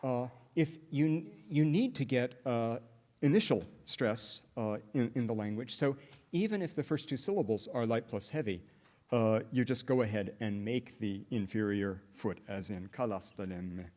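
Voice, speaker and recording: This is a conference lecture on linguistics by a middle-aged man whose medium-pitched voice has a darkish quality. He lays out examples methodically but falters often, filling gaps with "uh" and restarting his sentences.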